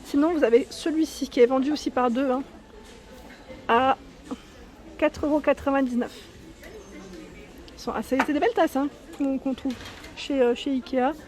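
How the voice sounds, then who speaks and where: A bright-toned, high-voiced vlogger records herself on a handheld phone as she strolls through a big furniture store, showing products and talking straight to viewers in a friendly, chatty manner, peppering her sentences with "hein." She keeps a steady tone and normal speed, broken by long pauses.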